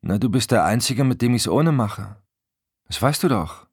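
A man's voice: medium pitch, lively intonation, normal speed, slightly rough, no room sound, studio quality, voice pushed up. A man voicing a timid young woman who speaks sheepishly and pleads for reassurance. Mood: pleading.

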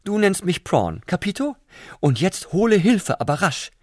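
A man's voice: high-pitched, sing-song, moderate pace, no room sound, clean studio sound, pitched above the performer's own voice. A man voicing a panicky, rude female prawn who squeals and bosses people around in a storybook reading. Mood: bossy. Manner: squealing, disdainful, bossy.

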